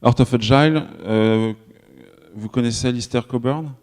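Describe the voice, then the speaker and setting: A man's voice: mid-range voice, moderate pace, darkish tone. A man with a French accent giving a live conference talk. He speaks conversationally, with many fillers and restarts, and often turns to address the audience directly. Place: conference hall. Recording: long hall reverb.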